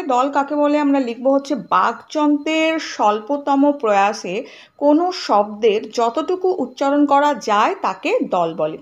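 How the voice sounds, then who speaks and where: High-voiced woman teaching grammar step by step. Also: dull audio. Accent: West Bengal Bengali. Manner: spells out letters step by step, checks in with "ঠিক আছে?". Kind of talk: grammar lesson walkthrough.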